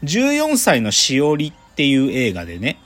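A man's voice: mid-range voice, wildly swooping pitch, a little slow, fairly bright tone. A man hosting a radio show in casual chat, rambling and colloquial with plenty of fillers. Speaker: radio host.

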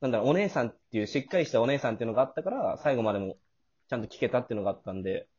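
A man who hosts and produces an audio drama leads a casual backstage chat, talking things through in a chatty, explanatory way. His medium-pitched voice is animated, very fast, husky and darkish, heard over a slightly muffled, lo-fi voice call.

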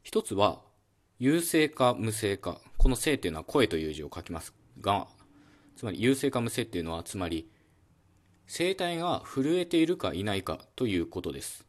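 A man with a low voice gives a calm solo talk on phonetics. He explains in a relaxed way, with plenty of fillers, and stops now and then to voice sounds himself. His pitch rises and falls a lot as he teaches. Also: normal speed. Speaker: podcast host explaining phonetics.

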